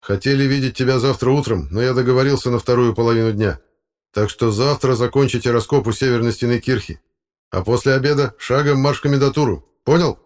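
A man's voice: mid-range voice, fast, darkish tone, pitched above the performer's own voice, lightly acted. A man voicing a stern older expedition chief who barks orders and scolds. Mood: scolding.

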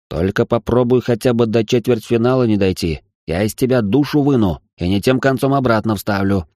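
A man voicing a loud, excitable male partner who scolds and bosses in an audiobook reading. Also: medium pitch, no echo, studio quality, pitched above the performer's own voice, close to an everyday voice. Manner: shouting, exasperated scolding.

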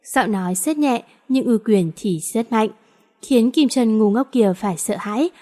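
A woman narrating a romance novel in a steady, even reading voice. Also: on the high side, moderate pace. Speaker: audiobook narrator.

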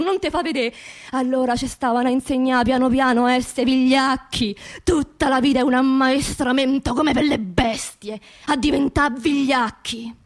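In a lightly acted radio monologue, an actress with a high-sitting voice plays an angry, grieving working-class widow. She speaks colloquial Roman dialect, confiding and impassioned, repeating phrases in a bitter mood.

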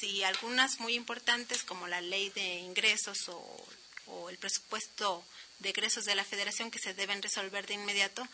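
A woman's voice: mid-range voice, pushed and bright, slight background noise, low-quality recording. A woman hosting a radio news show, explaining a law and telling listeners where to find it. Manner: explanatory, addresses listeners directly.

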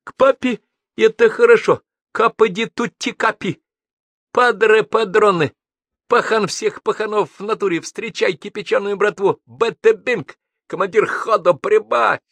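A man's voice: high-pitched, measured pace, fairly bright tone, no echo, voice pushed up, exaggerated voice. A man voicing a crude, raving male gangster spirit that has taken over a man, bellowing slang in a manic way.

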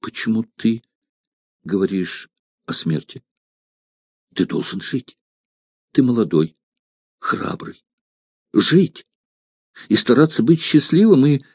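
A man voicing a trembling, sorrowful young woman in an audiobook, speaking in hushed, broken phrases. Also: on the low side, very animated, unhurried, creaky, dry recording, studio quality, heavily acted. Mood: tender. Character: anguished young woman, gladiator's sister.

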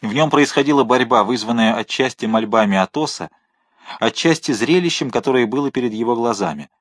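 A man's voice: mid-range voice, brisk, no room sound. Man reading an adventure audiobook, dramatic, dry close mic. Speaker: narrator. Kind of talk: audiobook narration.

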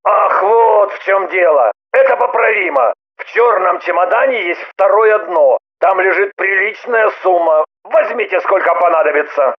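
A woman's voice: mid-range voice, normal speed, narrow, tinny audio, natural voice. A woman reading an audiobook and voicing a wry, teasing middle-aged man who argues stubbornly. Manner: dry joking, stubborn. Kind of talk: audiobook character voice.

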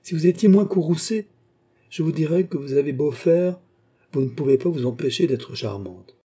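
A man voicing a courtly cardinal who flatters and coaxes a countess in an audiobook. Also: fairly high pitch, normal speed, breathy edge, voice pushed up. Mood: coaxing gallant. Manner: gallant, coaxing, flattering. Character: adoring, courtly older male cardinal.

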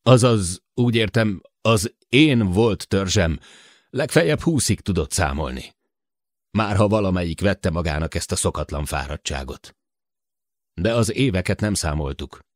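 Férfi hangján büszke, sértődékeny szőrös törzsi lény, mély, száraz hang. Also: male voice, deep voice, lively intonation, no room sound, studio quality. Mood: wry. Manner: touchy, sharp, hissing.

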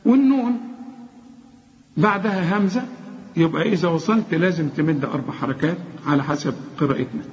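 A high-pitched man with an Egyptian accent leads a tajweed lesson. He fires off rhetorical questions and then stretches out chanted example words. The sound is dull and lo-fi, with a long echo trailing behind him. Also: fast. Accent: Egyptian Arabic. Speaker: Quran recitation teacher.

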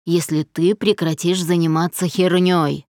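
A woman's voice: on the low side, level tone, moderate pace, darkish tone, no room sound, clean studio sound, close to an everyday voice. Woman reading as a harsh, menacing husband. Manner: harsh, clipped, threatening. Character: domineering jealous husband, cold and menacing.

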